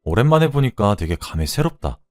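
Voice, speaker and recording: A man's voice: fairly low pitch, big pitch swings, fairly quick, faint music behind. A man voicing a frank young woman, his old first love, within his story narration. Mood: teasing.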